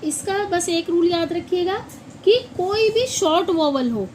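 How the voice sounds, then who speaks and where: A woman teaching English pronunciation in a classroom style, repeating words slowly and asking questions back. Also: very high voice, lively intonation, darkish tone, slight background noise, rough recording.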